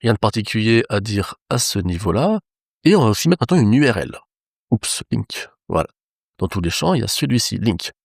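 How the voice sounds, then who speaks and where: Man, low-pitched, dry close-mic sound, step-by-step coding tutorial. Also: sing-song, a little fast, vocal fry, no room sound. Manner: explains step by step, addressing viewers directly. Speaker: web development trainer. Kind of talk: screen-recorded coding tutorial.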